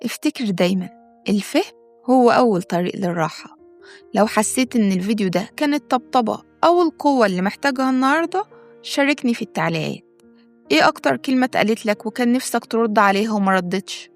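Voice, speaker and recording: A woman with an Egyptian accent, reading a scripted self-help talk in a calm, measured way and speaking straight to the listener. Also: fairly high pitch, faint music behind. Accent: Egyptian Arabic. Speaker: self-help channel host. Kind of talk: scripted motivational narration.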